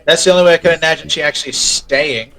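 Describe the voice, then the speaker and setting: A young man joking through a let's-play session, wry and teasing, sometimes rushing his words. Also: fairly high pitch, creaky, sharp tone. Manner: wry, teasing, bursts of fast talk. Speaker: guest player. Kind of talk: casual let's-play banter.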